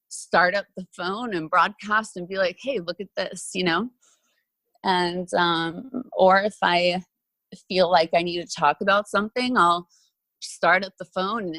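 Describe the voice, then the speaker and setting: Woman, low-pitched, chatty podcast guest, dry close sound, lots of fillers. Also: a bit bright, no room sound. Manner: chatty and open, with frequent fillers. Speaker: podcast guest, actress and former TV reporter. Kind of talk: casual interview conversation.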